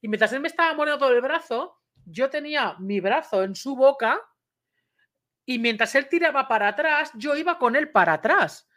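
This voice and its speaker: A woman's voice: sits high, animated, normal speed, fairly bright tone. Woman explaining dog behavior casually. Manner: conversational, keeps checking in with "vale", explains step by step; imitates bite sounds and raises voice for emphasis. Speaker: dog trainer commenting on a video. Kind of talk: casual video commentary.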